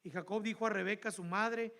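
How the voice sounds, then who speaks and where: A man with a Mexican accent preaching a sermon in church, animated and calling the congregation brothers. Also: sits high, a little fast, vocal fry. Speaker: pastor.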